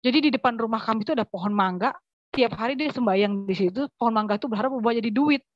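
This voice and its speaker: A woman's voice: fairly high pitch, fast talker, no echo, dull audio. A woman from West Sumatra giving an earnest church testimony, often turning to address her listeners directly. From West Sumatra, Indonesia. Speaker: testimony speaker.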